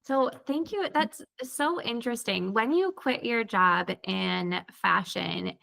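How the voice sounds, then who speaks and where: A woman's voice: fairly high pitch, expressive, slow, vocal fry, a bit bright. A woman hosting a podcast interview, upbeat and eager, laughing often. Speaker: podcast host.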